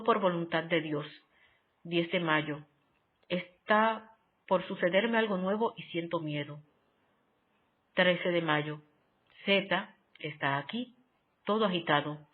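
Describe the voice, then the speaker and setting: A narrator reading a spiritual diary aloud in a measured, solemn, devotional way with long pauses. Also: medium pitch. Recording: tinny phone-like sound.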